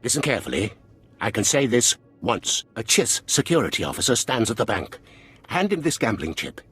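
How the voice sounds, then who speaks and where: A terse underworld go-between from a video game hands out orders in a husky, breathy voice. His pitch moves in a lively way even while his instructions stay curt and low-key. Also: fairly quick, soft background music. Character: terse male underworld contact.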